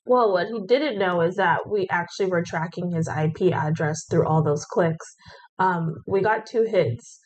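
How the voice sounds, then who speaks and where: A woman's voice: lowish voice, normal speed, darkish tone, poor audio. A woman explaining findings in a plain, informative way. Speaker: scam investigator. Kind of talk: explanatory conversation.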